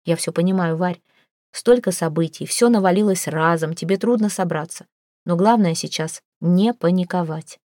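A woman voicing a steady young man who speaks softly and reassuringly to calm a frightened friend in a storybook reading. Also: lowish voice, moderate pace, no room sound, studio quality, natural voice. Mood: soothing.

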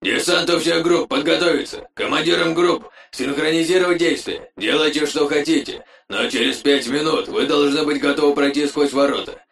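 A man voicing a gruff male military commander who barks orders over a combat radio link. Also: on the high side, steady tone, normal speed, hardly any pauses, a bit bright, reverberant. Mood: commanding. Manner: barked commands, growling. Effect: heard over a combat radio link.

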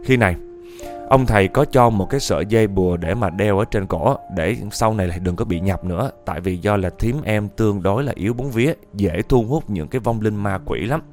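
A man's voice: fairly low pitch, fairly quick, darkish tone, soft background music. A man reading a listener's ghost story aloud in a chatty style, often turning to address his audience.

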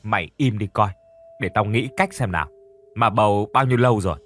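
A man's voice: lowish voice, fairly quick, a bit bright, slight background noise, natural voice. A man voicing a harsh, bossy older aunt who scolds and mocks her niece in a told story. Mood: furious.

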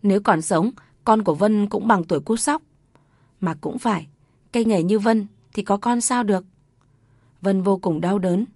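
A woman narrating an audiobook story in a steady, measured way. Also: medium pitch, no room sound, clean studio sound.

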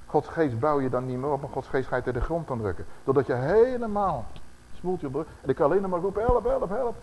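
A man preaching a sermon, acting out the voices he quotes and slowing down for scripture. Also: on the high side, darkish tone, in a large hall, poor audio.

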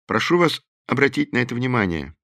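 Composed, polite investigator, voiced by a male narrator, unhurried. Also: medium pitch, big pitch swings, fairly bright tone, dry recording, studio quality, pitched above the performer's own voice. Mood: calm courteous. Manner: measured, polite. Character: calm, courteous male detective.

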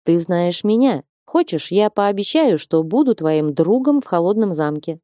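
A woman voicing a soft-spoken gentle dwarf husband. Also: lowish voice, lively intonation, normal speed, no echo, clean studio sound, close to an everyday voice. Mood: soothing. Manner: soft, soothing, patient.

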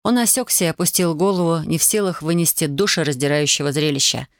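A narrator reading an audiobook in an intimate, unhurried way. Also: medium pitch, dry recording, clean studio sound.

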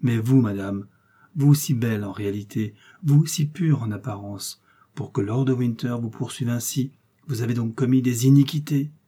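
A man's voice: medium pitch, moderate pace, mellow, husky, natural voice. A man reading aloud and voicing an earnest, fervent young puritan officer.

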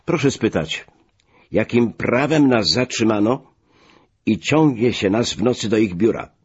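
Man voicing an angry commanding colonel, raised forceful voice, husky, muffled lo-fi recording. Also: on the low side, animated, unhurried, pitched above the performer's own voice. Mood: furious. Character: furious middle-aged male American colonel.

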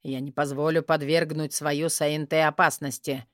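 A woman's voice: low-pitched, little pitch movement, moderate pace, dry recording, clean studio sound, voice pushed down, close to an everyday voice. A woman voicing a firm, curt male dragon who protects his companion, in an audiobook reading. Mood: stern.

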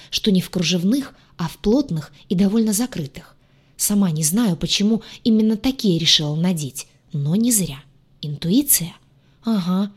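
A woman narrates a first-person audiobook in a wry, lively, expressive way. Her mid-range voice has a breathy, husky edge. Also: mid-range voice.

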